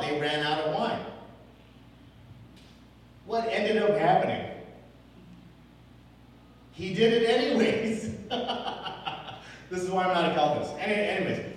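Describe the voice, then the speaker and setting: Young man, pastor, casual Bible teaching with a light faint room hum, reverberant hall. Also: on the high side. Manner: relaxed, asks the room rhetorical questions, chuckles often. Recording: echoey hall from far off.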